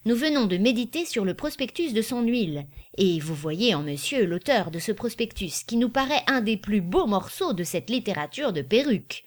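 A woman voicing a boisterous male traveling salesman, speaking in a loud, declamatory way. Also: medium pitch, expressive, moderate pace, few pauses, pitched above the performer's own voice, lightly acted. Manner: bombastic, declamatory.

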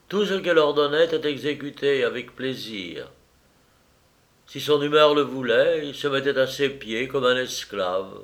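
A man narrating a novel aloud in a measured reading style. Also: medium pitch. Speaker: audiobook narrator. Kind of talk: scripted narration.

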